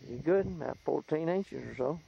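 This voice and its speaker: A man's voice: a little high, normal speed, gravelly, muffled recording. A man with a Southern US accent chatting casually as a fishing partner, outdoors in a boat on a lake. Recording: noisy outdoor camera recording on a lake.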